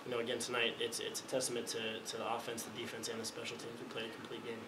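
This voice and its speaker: A man's voice: medium pitch, completely flat delivery, rapid-fire. A young man, a college quarterback, answering press questions after a game, often restarting and repeating words, speaking into a table mic in a press room. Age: young adult. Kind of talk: postgame press conference answers. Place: press conference room, indoors. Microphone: table mic in front of him. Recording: echoey room, distant mic, background noise.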